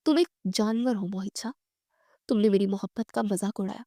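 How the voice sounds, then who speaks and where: A woman's voice: mid-range voice, warm tone, dry recording, studio quality, close to an everyday voice. A woman voicing a young wife who is hurt, angry and defiant, in a raised, pleading tone. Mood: hurt, accusing.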